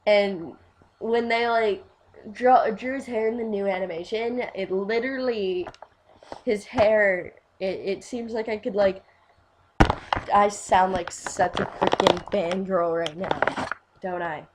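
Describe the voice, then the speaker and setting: A woman chats casually as a fan vlogger, her voice sitting at an ordinary middle pitch. She rambles and gushes, trailing off into fillers before bursting out louder. A faint hiss runs under her voice. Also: slow. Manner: rambling and gushing, many fillers, swings from quiet to loud.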